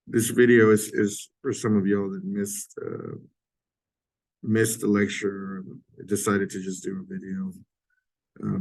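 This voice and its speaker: A man giving an informal recorded literature lecture in a halting way, often clearing his throat, his voice hoarse and giving out from a sore throat. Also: on the low side, darkish tone, low-quality recording.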